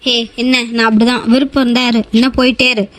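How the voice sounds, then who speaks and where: A man's voice: very high voice, level tone, fast, a bit bright. A man voicing a stubborn young husband in a cartoon, curt and dismissive. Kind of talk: Tamil cartoon voice acting.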